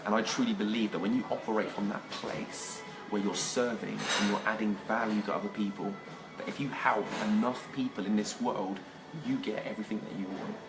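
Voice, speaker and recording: A man's voice: on the low side, steady tone, a little fast, over loud music, rough recording. A man hosting a live conversation, talking enthusiastically and rambling with repeated words. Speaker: host. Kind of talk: casual conversation.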